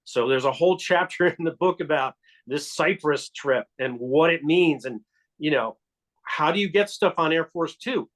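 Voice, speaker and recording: A man's voice: on the high side, normal speed, a bit bright. Emphatic man telling a long account. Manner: emphatic, builds long accusatory accounts with frequent restarts. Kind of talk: explanatory storytelling in an interview.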